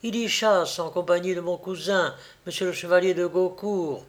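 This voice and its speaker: A man narrating a novel as an audiobook, with a measured, dramatic reading. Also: high voice.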